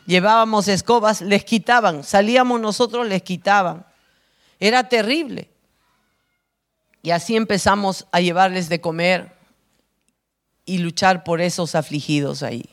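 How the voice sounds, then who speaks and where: A woman prison minister giving a blunt, emphatic testimony sermon to a congregation. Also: fairly low pitch.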